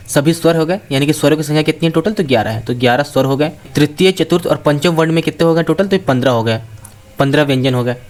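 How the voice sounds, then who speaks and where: A man teaching a lesson on the alphabet, asking questions and answering them himself, and sounding out single letters with care. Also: fairly high pitch. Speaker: Hindi teacher. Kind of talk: explanatory lesson.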